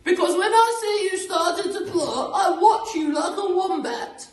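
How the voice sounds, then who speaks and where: A man voicing a shrill, cackling, suspicious old wife from a storybook, shrieking and scolding. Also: measured pace, far from the mic. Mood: menacing, scolding. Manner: scolding, threatening. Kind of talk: storybook character voice. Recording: echoey room.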